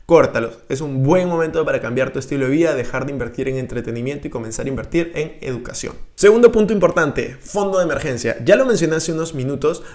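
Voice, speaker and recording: A young man gives direct-to-camera personal finance advice, coaching the viewer with energy and hand gestures, recorded on a boom-arm studio mic in a small room. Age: young adult. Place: small room indoors, seated on a couch. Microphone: studio mic on a boom arm in front of him.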